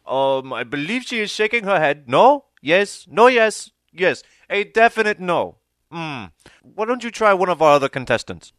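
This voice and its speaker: A man's voice: sits high, sing-song, normal speed, a bit bright, dry recording, studio quality. A man playing a jokey, teasing Afghan dating-show host in a comedy sketch. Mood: flustered, placating. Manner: jokey, teasing, chuckling showman patter.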